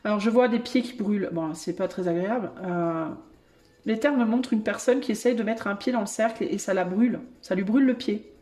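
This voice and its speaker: A woman giving a channeled tarot reading to her viewers, thinking aloud and breaking into excited exclamations. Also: medium pitch, fairly quick, soft background music. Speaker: tarot reader and medium.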